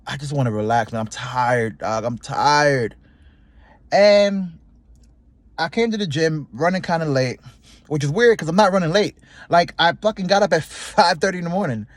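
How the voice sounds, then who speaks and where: A man's voice: a little high, normal speed, dry recording. A young man with a lisp talking casually to his vlog viewers in slangy, emphatic language, repeating phrases for effect. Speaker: YouTube vlogger. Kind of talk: casual confessional vlog talk.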